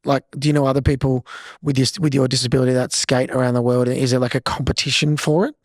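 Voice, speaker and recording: A man's voice: medium pitch, level tone, fast talker, dry recording. A man hosting a podcast, asking curious questions with a joking, easygoing manner. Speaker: podcast host. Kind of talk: casual interview chat.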